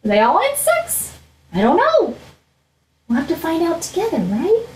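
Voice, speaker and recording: A woman's voice: very high voice, wildly swooping pitch, normal speed, darkish tone, echoey room, rough recording. A woman in her thirties teaching young children online in a broad, singsong manner, often prompting them with questions, recorded on a computer mic at home. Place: small furnished room at home. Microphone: computer mic at desk, video call framing.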